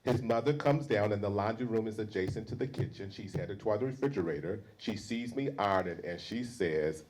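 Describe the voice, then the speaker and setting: Animated man telling a story. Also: fairly low pitch, brisk, hardly any pauses, a little hiss or hum, poor audio. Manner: animated storyteller, acts out quotes. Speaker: panel speaker; university teacher. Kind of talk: storytelling in a panel talk.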